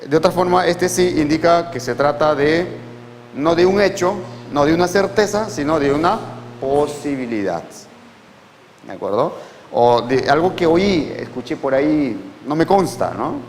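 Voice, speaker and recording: Male language teacher, slightly high voice, deliberate pace, lecture in a reverberant hall with faint noise. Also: animated. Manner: slow, patient, repeats words and checks with students. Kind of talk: classroom lecture.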